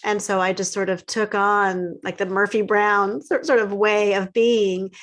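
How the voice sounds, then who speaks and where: A woman's voice: medium pitch, fairly even intonation, unhurried, fairly bright tone. A middle-aged woman co-host talking thoughtfully about her past use of her voice, thinking aloud in casual conversation. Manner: reflective, thinking aloud, with restarts.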